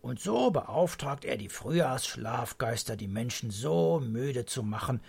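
A man's voice: medium pitch, lively intonation, unhurried, gravelly, darkish tone, husky, full character voice. A man voicing a sleepy, teasing old grandfather in a storybook reading, mumbling and drowsy.

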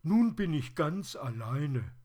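A man voicing a lonely, forgotten plush teddy bear in a storybook reading, with a high and plaintive manner. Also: very animated, slow, darkish tone, exaggerated voice. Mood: wistful.

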